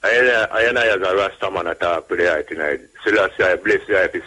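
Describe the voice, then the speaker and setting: Husky, forceful low-voiced Jamaican man. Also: fast. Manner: emphatic, repetitive with frequent tag phrases. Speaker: radio caller. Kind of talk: casual call-in talk.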